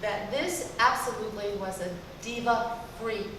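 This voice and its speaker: A woman speaking as a production consultant, measured and deliberate. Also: mid-range voice. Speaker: consultant to the director. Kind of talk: panel remarks. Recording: distant reverberant hall with noise.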